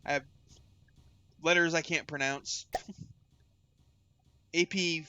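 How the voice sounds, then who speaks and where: A man's voice: on the high side, steady tone, drawn-out words, sharp tone, dry recording, highs cut off, faint music behind. A man streaming casual game commentary, rambling through weapon stats and chuckling at himself. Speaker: streamer and tournament caster.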